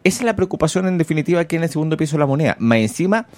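A man's voice: on the high side, animated, rapid-fire, a little mellow, dry recording. A man with a Chilean accent hosting morning radio, chatting wryly about politics and reading listener messages aloud. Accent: Chilean Spanish. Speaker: radio host. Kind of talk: casual morning radio commentary.

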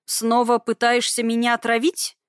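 A woman's voice: on the high side, monotone, normal speed, smooth, no echo, natural voice. A woman voicing a weary, sardonic male professor who speaks in a dry, tired, commanding way, read as an audiobook character. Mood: suspicious.

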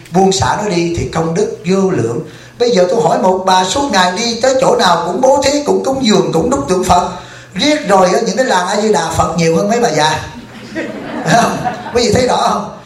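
A male Buddhist monk giving a humorous Dharma talk at a retreat, telling stories and asking the audience questions. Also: high voice. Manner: joking, storytelling, asks the audience questions. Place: retreat hall. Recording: echoey hall.

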